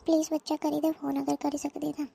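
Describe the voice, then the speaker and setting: Anxious older mother-in-law, voiced by a woman, fretful and rambling; high and mellow. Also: little pitch movement, quick pace, vocal fry. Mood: fretting. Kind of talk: cartoon voice acting.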